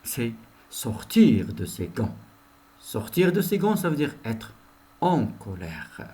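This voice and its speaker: A male teacher walks his pupils through a lesson at a very slow pace, repeating each sentence and then explaining it. His pitch swings widely, rising sharply at each new item and sinking low when he gives the answer. He talks straight to the class and praises answers as if he heard them. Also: wildly swooping pitch, mellow. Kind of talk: recorded language lesson.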